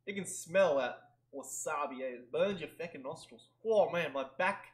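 A young man with a slightly high voice vlogs from a small bedroom. His talk is casual, goofy and self-mocking, with frequent "eh" tags. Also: moderate pace. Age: young adult. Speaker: vlogger. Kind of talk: casual chat to camera.

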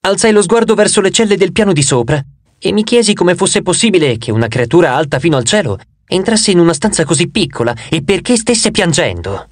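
A man narrating an audiobook in the first person, expressive with a wry touch. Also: sits high, fairly quick, no echo.

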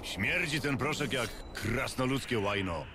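Man playing a blustering, animated warrior king. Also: mid-range voice, unhurried, natural voice. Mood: irritable, uneasy. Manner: blustering, irritable. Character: gruff, blustering, foul-mouthed warrior king. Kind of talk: video game acting. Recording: game ambience noise behind.

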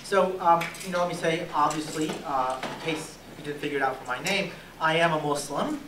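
A middle-aged man from Egypt, raised in Georgia, gives an academic lecture into a handheld mic. He explains in a measured way, with "uh" fillers and "right?" asides. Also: on the high side. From born in Egypt, raised in Georgia, USA. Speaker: guest lecturer. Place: lecture room, indoors. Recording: echoey room, distant camera mic, audible noise.

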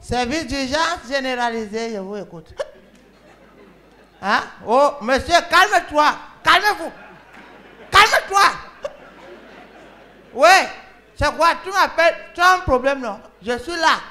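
A woman with a Cameroonian French accent playing an excitable, scolding female emergency call operator in a comedy sketch, talking to callers on the phone. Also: sits high, takes it slowly, long pauses, heavily acted. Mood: bossy. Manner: scolding, excitable, often laughing and shouting. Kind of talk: comic sketch, one side of phone calls.

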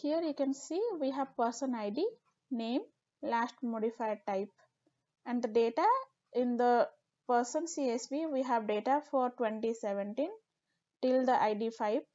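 In a screen-recorded software walkthrough, a female instructor explains every step at normal speed, now and then using fillers. She has a mellow, slightly high voice. Sound quality is dull and lo-fi.

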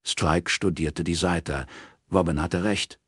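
A man reading a crime novel aloud in calm, measured scripted narration. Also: deep voice, husky, no echo. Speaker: audiobook reader.

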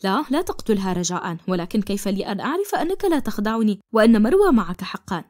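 A woman voicing an earnest young man in love in an animated cartoon. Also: mid-range voice, quick pace, no room sound, studio quality, natural voice. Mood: alarmed. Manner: earnest, pleading. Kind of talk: cartoon dubbing in formal Arabic.

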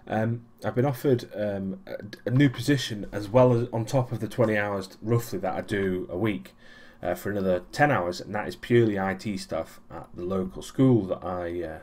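A man's voice: lowish voice, normal speed, hardly any pauses, darkish tone. A young man giving a casual weekly vlog recap, rambling with many ums and restarts and a dry, sarcastic streak. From Europe. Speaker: vlogger.

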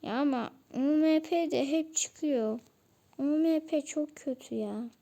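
High, slow-talking mellow gameplay commentator. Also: creaky. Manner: chatty, talks to viewers while playing, grumbles about weapons. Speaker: mobile game player and channel host.

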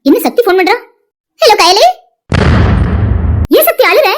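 A woman voicing a caring young female best friend in a cartoon, gently asking questions. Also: very high-pitched, very animated, unhurried, soft background music, exaggerated voice. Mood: concerned. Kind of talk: cartoon voice acting.

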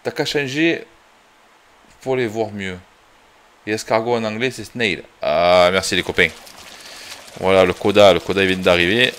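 A man's voice: on the low side, fairly even intonation, moderate pace, pauses often, fairly bright tone, a little hiss or hum. A man streaming a video game live, chatting casually, swearing now and then and greeting viewers as he plays. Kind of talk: casual live gameplay commentary.

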